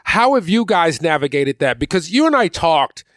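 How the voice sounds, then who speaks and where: A man with a slightly high voice, recorded very dry. He works as an interviewer, framing his questions in a casual, conversational way. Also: big pitch swings, normal speed, fairly bright tone, no echo.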